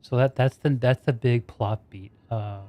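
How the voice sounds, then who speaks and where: A man's voice: mid-range voice, steady tone, a little slow, no room sound, lo-fi sound, faint music behind. A man giving casual commentary while playing a video game. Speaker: gamer commenting on play.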